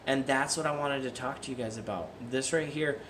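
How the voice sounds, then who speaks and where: A man's voice: mid-range voice, brisk, a bit bright. Regular guy voice, casual earnest pep talk, asks and answers his own questions, bit of background noise. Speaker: fitness vlogger. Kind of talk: casual motivational talk to camera.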